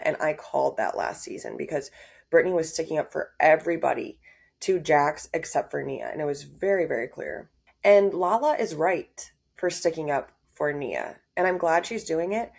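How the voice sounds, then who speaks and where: Low gravelly-voiced woman gossip host. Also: a little mellow. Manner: chatty, opinionated, heavy use of "like". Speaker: podcast host. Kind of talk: casual gossip chat.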